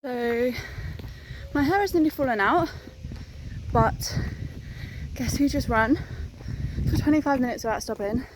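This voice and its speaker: Young female vlogger, higher voice, excitable informal chat over noticeable background noise. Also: measured pace, pauses often. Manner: excitable and informal, frequent "like" and "oh my God". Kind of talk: casual chatty vlog.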